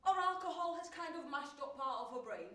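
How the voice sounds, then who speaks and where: A woman's voice: high-pitched, lively intonation, a little fast, fairly bright tone, recorded from a distance, slight background noise. A young woman acting in a stage monologue, playing a recent graduate in a wry, self-mocking and dramatic way, laughing between her lines. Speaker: stage actress performing a monologue. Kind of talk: theatrical monologue. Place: theatre stage. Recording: roomy theatre sound from afar.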